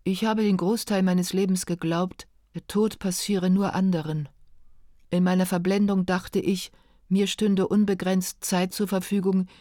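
A woman reading a first-person narration in a calm, measured, reflective way. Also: on the low side, dry recording, clean studio sound. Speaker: audiobook narrator.

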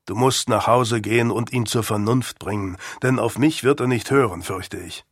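A man voicing a grave older male statesman who is stern yet kindly, speaking in a measured, solemn and reproving manner. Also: medium pitch, no room sound, studio quality, natural voice. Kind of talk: audiobook character voice.

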